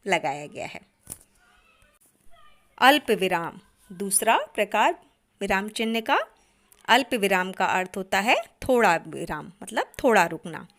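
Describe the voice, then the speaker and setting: An Indian woman with a medium-pitched voice teaches an online grammar lesson to children. She speaks deliberately and often addresses the class.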